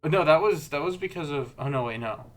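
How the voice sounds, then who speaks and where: Excitable man cursing on a voice call. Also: a little high, a little fast, soft background music. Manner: excitable, swears often, laughs a lot. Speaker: streamer co-reading a webcomic. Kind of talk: casual group chat on a voice call. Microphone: wireless earbuds.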